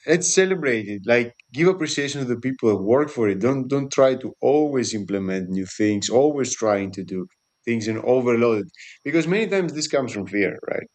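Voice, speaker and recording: A man's voice: medium pitch, animated, normal speed. Male host summing up. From Greece. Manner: sums up the guest's points and adds his own. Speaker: podcast host. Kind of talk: casual interview conversation.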